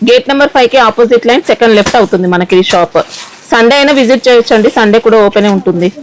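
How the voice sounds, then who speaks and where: A woman's voice: on the high side, very fast, a little hiss or hum. A woman hosting a shopping vlog, chatty and repeating prices back. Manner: chatty, echoes prices, praises quality. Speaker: shopping vlogger.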